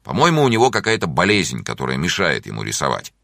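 A man's voice: rumbling low, wildly swooping pitch, fast talker, gravelly, fairly bright tone, no room sound, studio quality, heavily acted. A man voicing an exasperated male school art teacher who complains with dismay about a pupil. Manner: complaining, head-clutching dismay.

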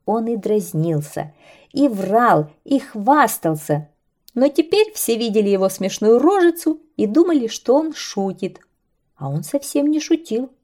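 A woman reading a children's story aloud in an expressive, storybook manner. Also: a little high. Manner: expressive, unhurried. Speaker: reader of children's stories.

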